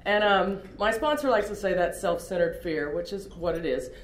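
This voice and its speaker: A woman's voice: lowish voice, moderate pace. A middle-aged woman from Oklahoma giving a candid, self-deprecating personal testimony as a recovery meeting speaker. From Oklahoma, USA. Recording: roomy echoey room.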